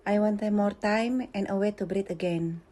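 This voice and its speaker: A woman's voice: mid-range voice, normal speed, warm tone. A woman from Indonesia, a former healthcare worker, speaking sincerely in a testimonial.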